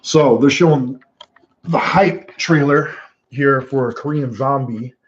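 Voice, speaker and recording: Guy doing casual fight commentary at home, rambly storyteller, mid-pitched, muffled lo-fi audio. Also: takes it slowly. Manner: rambling, animated storytelling with many restarts. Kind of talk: casual live commentary chat. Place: home room watching fights. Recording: dull lo-fi sound.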